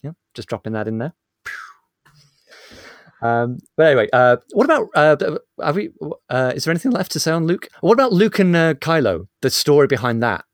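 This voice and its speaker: A man chatting casually about films with a co-host. His voice swings widely in pitch as he jokes. The recording is dry and close, with no room sound. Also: a little fast, no room sound. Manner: animated, joking, jumps into high exaggerated quotes. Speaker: podcast co-host.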